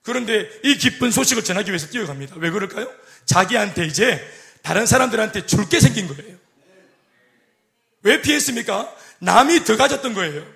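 Fast, animated Korean male pastor. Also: sits high, vocal fry. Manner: animated, acts out quoted voices and jokes with the congregation. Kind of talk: sermon.

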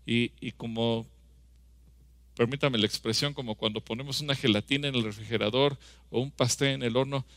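A man's voice: medium pitch, steady tone, brisk, fairly bright tone, dry recording. A man preaching a sermon with emphasis, acting out scripture dialogue and putting rhetorical questions to the congregation.

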